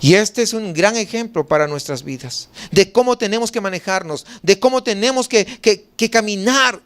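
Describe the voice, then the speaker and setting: A man's voice: sits high, moderate pace. A male pastor with a Mexican Spanish accent preaching a sermon, asking rhetorical questions and answering them himself.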